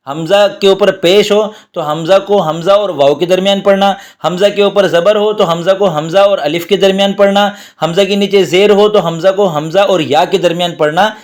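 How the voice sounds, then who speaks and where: Brief: fairly high male voice, patient teacher, speech, simplifies and repeats. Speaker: teacher of Quranic commentary. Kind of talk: explanatory lesson.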